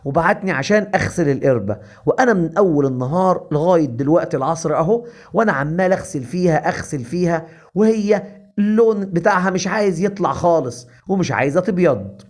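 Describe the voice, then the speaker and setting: A man's voice: fairly high pitch, expressive, fast. A man with an Egyptian accent voicing a bumbling, hapless fool who pleads and frets. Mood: whiny. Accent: Egyptian Arabic. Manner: pleading, flustered. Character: bumbling hapless adult male fool, Juha.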